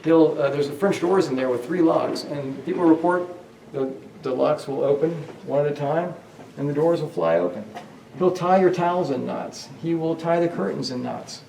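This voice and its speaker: A man's voice: a little high, normal speed, creaky, dark tone, recorded from a distance, a little hiss or hum. A man guiding a ghost tour through a hotel, telling stories in a rambling way with many fillers and restarts. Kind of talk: guided tour storytelling. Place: hotel hallway. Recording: echoey hallway, voice off-mic.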